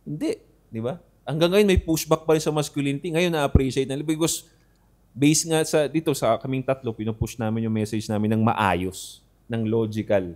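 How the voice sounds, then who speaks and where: A man's voice: medium pitch, normal speed, darkish tone. A man co-hosting a casual podcast, arguing his point and asking "right?" again and again. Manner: argumentative, repeats "di ba?" often. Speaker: podcast co-host.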